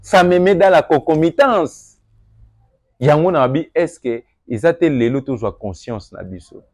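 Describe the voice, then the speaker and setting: A young Congolese man with a Congolese French accent giving an earnest address to viewers, moving between calm reflection and emphatic appeals. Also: a little high, unhurried, dry recording, studio quality. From Democratic Republic of the Congo. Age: young adult. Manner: earnest, rising to emphatic, mixes French and Lingala. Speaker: political commentator.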